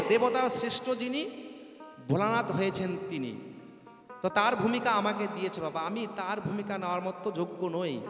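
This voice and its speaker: A man with a hoarse voice, talking to an audience from a folk stage in a chatty, joking manner before a sung debate. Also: very high-pitched, a bit bright. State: hoarse from nights of singing. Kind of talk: stage patter to an audience over a PA. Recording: echoey PA sound with long reverb and faint music.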